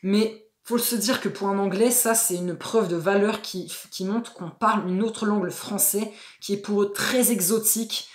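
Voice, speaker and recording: A woman's voice: medium pitch, steady tone, normal speed, hardly any pauses. A woman hosting a language-learning video, explaining in a casual, chatty way with slang fillers. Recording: echoey room.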